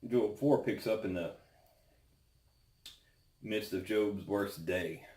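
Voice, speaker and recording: A man giving a casual devotional talk and Bible reading, halting and pausing often mid-sentence. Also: lowish voice, a little mellow. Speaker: devotional host. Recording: roomy, echoing sound.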